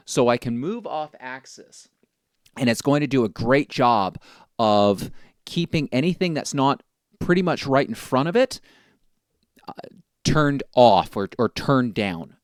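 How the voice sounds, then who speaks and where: A man presenting a hands-on microphone test in a casual, informal, explanatory way. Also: mid-range voice. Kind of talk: casual hands-on gear review talk. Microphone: test microphones at varying distances, clip-on and shotgun.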